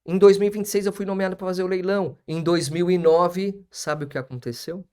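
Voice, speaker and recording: A man's voice: high voice, steady tone, brisk, dark tone. A man, hosting a live stream as an auctioneer and lawyer, repeating his phrases for emphasis and chatting with viewers.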